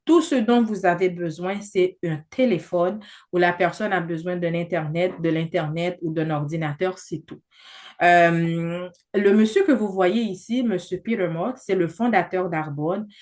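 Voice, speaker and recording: A woman in her thirties giving a persuasive business presentation over a video call, chatty, with many fillers. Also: lowish voice. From not from Canada.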